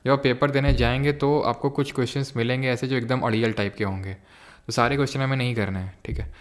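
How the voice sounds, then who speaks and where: A man's voice: mid-range voice, steady tone, fast. A young man teaching a live online exam-prep class, mixing Hindi with English terms and answering viewers' chat questions.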